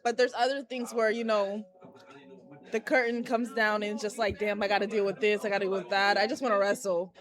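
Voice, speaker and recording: A young Haitian woman who wrestles professionally chats candidly as an interview guest in an indoor collectibles shop, laughing easily. Her mid-range voice is brisk with little pitch movement, and crowd noise fills the background.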